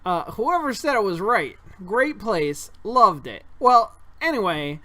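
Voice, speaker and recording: A man's voice: high voice, very animated, slow, sharp tone, voice pushed up, heavily acted. A man reading a board game aloud, voicing a boastful middle-aged male circus owner in a folksy, bragging put-on accent.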